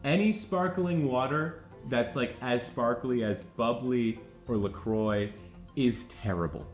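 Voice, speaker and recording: A man's voice: medium pitch, slow pace. A man hosting a casual gameplay session, commenting on a friend's play in a playful, teasing way. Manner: playful, teasing, lively intonation. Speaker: channel host. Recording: roomy echo, faint game music.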